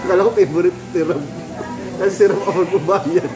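Young male friend, a little high, quick to tease, chatting at a restaurant table on a phone. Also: music in the background, rough recording. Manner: joking, laughing, teasing. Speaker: friend co-host. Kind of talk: casual vlog chat. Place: restaurant dinner table, indoors.

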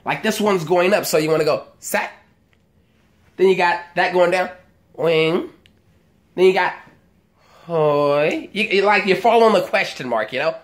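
A man's voice: high voice, quick pace, few pauses. A man hosting a comedic mock language lesson, joking crudely and laughing along the way. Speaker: comedy video host.

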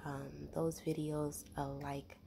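A young woman rambling in a soft, half-whispered ASMR voice while chewing gum, with lots of fillers, close to the mic. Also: deep voice, flat delivery, takes it slowly, vocal fry, slight background noise. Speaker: ASMR creator.

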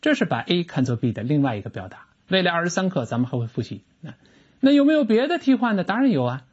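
A teacher giving a lively lecture on an English textbook lesson, explaining phrases emphatically and asking rhetorical questions. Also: mid-range voice, quick pace, slightly rough. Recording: dull lo-fi recording.

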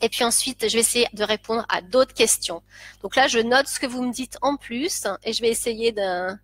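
A woman's voice: on the high side, moderate pace, a bit bright, no echo. A woman who teaches French, chatting on a live stream as she greets viewers by name and laughs often. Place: home, living in Pakistan.

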